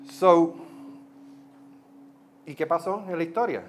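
A man preaching a sermon as pastor, in a lively, conversational way that drops in English words. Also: fairly high pitch, takes it slowly, a little hiss or hum.

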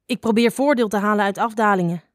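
A woman's voice: medium pitch, fast, dry recording, lightly acted. A touchy, outspoken little girl snake from a children's storybook, voiced by a woman reading aloud. Her lines come out curt and direct, with a dry close sound. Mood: blunt. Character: young girl snake with weak muscles, prickly and blunt.

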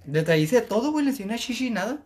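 A man's voice: very high-pitched, sing-song, racing, a little mellow. A young man, co-hosting a casual podcast and telling stories, mixing English into his speech. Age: young adult. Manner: storytelling, mixes English into his speech, laughs often. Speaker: podcast co-host. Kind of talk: casual chat.

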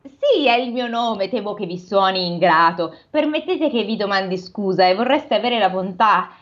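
A woman's voice: medium pitch, animated, moderate pace, natural voice. A woman voicing an elderly male miser who has turned giddy and generous, jolly and eager to please. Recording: dull lo-fi recording.

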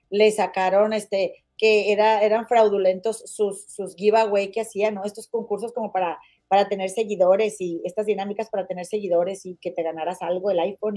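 Mexican woman, livestream host, warm mellow voice, chatty, blunt, gossipy. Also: mid-range voice. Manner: chatty, gossipy, blunt, calls viewers comadres. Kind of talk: casual livestream chat reading viewer comments.

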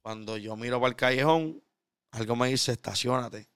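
Man with a puerto rican accent telling his story, sometimes going quiet and intimate, smooth voice. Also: medium pitch, fairly quick, no room sound. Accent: Puerto Rican Spanish. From Puerto Rico. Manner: earnest storytelling, drops to a hushed tone for intimate moments. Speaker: preacher guest. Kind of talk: conversational testimony.

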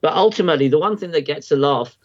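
A man's voice: fairly high pitch, fast, dull audio. A man guest on a podcast, explaining at length in a conversational way, with lots of ums and restarts. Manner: rambling, many ums and restarts. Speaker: podcast guest, market timing analyst.

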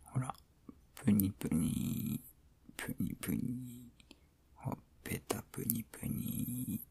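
Man acting as teasing boyfriend, Kansai Japanese accent, breathy and husky, ASMR role-play, intimate pillow talk, coaxing, affectionate. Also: lowish voice, a little slow. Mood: sleepy, affectionate. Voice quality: breathy, soft, often dropping into speaks softly. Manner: playful, coaxing, mock-hurt. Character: teasing, affectionate, slightly needy boyfriend at bedtime.

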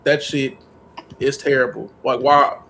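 A man's voice: medium pitch, level tone, measured pace, over a noisy crowd. A man co-hosting a casual podcast chat, telling stories bluntly and with lots of profanity. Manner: blunt, profane, emphatic storyteller. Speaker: podcast co-host.

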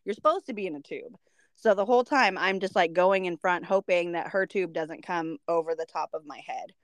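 A woman's voice: lowish voice, brisk, no room sound. A woman in her thirties co-hosting a casual chat podcast, telling stories and laughing at herself often. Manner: laughs often, self-mocking storyteller. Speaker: podcast co-host.

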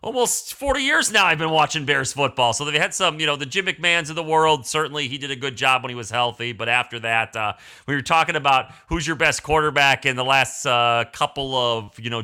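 Male sports talk host, forties, very bright forceful voice, conversational analysis. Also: mid-range voice, clean tone.

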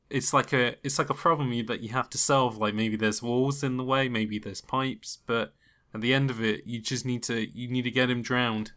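Bright-voiced joking man. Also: medium pitch. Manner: jokey, rambling, trails off and laughs at his own jokes. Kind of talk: casual chat.

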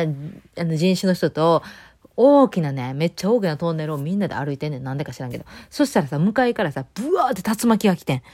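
Middle-aged woman, Kansai accent, casual home chat, rapid, somewhat low voice, dry close sound. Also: no echo. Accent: Kansai Japanese. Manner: chatty, rambling, lively storytelling with many fillers. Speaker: vlogger.

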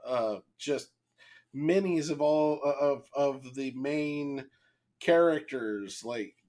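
A slightly hoarse man hosting a casual podcast chat, rambling and halting with lots of fillers and restarts. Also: mid-range voice, a little mellow. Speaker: podcast host.

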